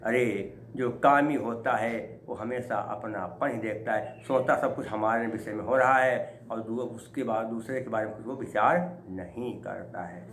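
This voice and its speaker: Man lecturing, measured delivery, roomy echo, faint background hiss. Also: lowish voice. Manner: chants verse slowly, then explains quickly with rhetorical questions. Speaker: Sanskrit lecturer. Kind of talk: classroom explanation of Sanskrit verse. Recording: echoey room with faint ambient noise.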